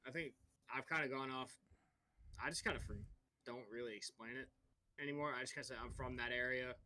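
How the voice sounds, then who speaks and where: An easygoing young man with a Boston accent chats loosely on a podcast, full of filler words. His voice is mid-pitched with a notably bright, forward edge. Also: fairly quick. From Boston area, about thirty miles outside the city. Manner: easygoing, vague, with many fillers. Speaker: podcast co-host. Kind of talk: casual chat.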